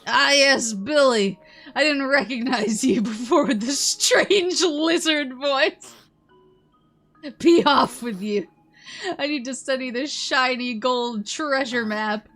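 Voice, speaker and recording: A woman's voice: high-pitched, takes it slowly, a bit bright, voice pushed up, full character voice. A woman voicing a vain, blustering pirate captain from a video game, with theatrical pirate talk. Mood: indignant. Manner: theatrical pirate speech with "yar" and "arg". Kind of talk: reading video game dialogue aloud in character. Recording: music playing behind the voice.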